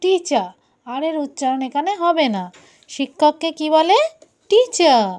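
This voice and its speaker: A woman with a high, light voice gives her young child a lesson at home. She is patient and coaxing. She repeats each question until the child answers. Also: animated, measured pace, darkish tone.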